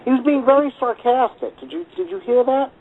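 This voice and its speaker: A man's voice: very high-pitched, level tone, a little fast. A man co-hosting a casual podcast chat, rambling and hesitant, restarting his sentences. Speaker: podcast co-host. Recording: tinny phone-like line.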